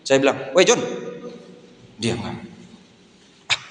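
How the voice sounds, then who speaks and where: A man's voice: mid-range voice, sing-song, slow. A middle-aged male pastor preaching a sermon, telling stories and acting out the people in them. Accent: Indonesian. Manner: anecdotal, jokey, acts out quoted voices. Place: church hall. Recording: echoey church hall with long reverb.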